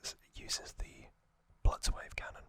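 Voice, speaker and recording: Whispering breathily from start to finish, this male ASMR host relates a story in hesitant little fragments, and the sound is a bit bright.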